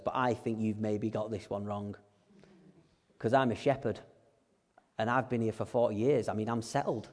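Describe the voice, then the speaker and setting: Moses, a preacher playing a reluctant stammering shepherd. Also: male voice, fairly high pitch, a little mellow, slightly rough, exaggerated voice. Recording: long hall reverb.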